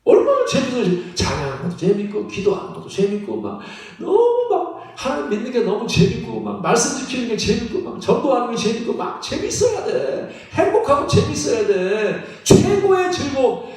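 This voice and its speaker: Pastor guy preaching, lively and laughing, voice swinging all over, far off in a very echoey church. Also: very high-pitched, fairly quick, few pauses. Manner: animated, laughing often, asks the congregation "예?". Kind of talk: sermon. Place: church sanctuary.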